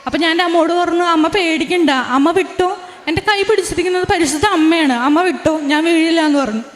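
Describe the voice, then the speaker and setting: A woman's voice: very high-pitched, fast talker. A young woman giving an earnest, emotional religious testimony, with frequent restarts. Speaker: testimony giver. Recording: long hall reverb.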